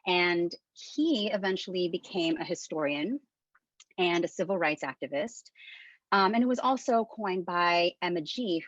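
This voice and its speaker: Woman, 30s, from the Philippines, webinar speaker; candid and conversational, slightly low voice, muffled lo-fi call sound. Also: dry recording. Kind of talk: informal webinar presentation. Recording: dull lo-fi dry call audio.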